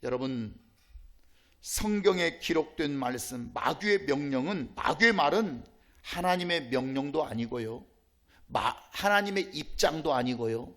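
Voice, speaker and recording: A male pastor preaching a sermon, firing rhetorical questions at the congregation and swinging between loud and soft. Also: fairly high pitch, lively intonation, unhurried.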